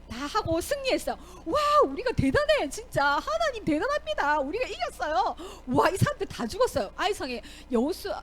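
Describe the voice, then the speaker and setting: Lively high-pitched woman telling a Bible story. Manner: asks the children questions and acts out the characters' lines. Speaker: Sunday school teacher. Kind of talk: animated Bible storytelling for children.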